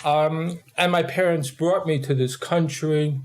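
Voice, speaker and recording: A man in his sixties with a New York accent, a guest in an interview telling stories about growing up, in a halting way with many fillers. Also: on the high side, fairly even intonation. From Austria. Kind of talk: casual storytelling interview.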